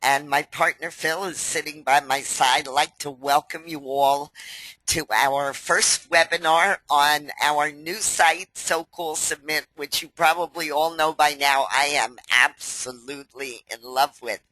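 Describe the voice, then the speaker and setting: A woman's voice: low voice, steady tone, bright, forceful tone, no room sound, low-quality recording. A woman with a New York accent and a head cold hosts a webinar, walking viewers through a members area in a chatty, step-by-step way. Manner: unhurried, chatty, explains step by step. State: has a head cold, stuffy. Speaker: company president hosting a webinar. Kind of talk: webinar software walkthrough.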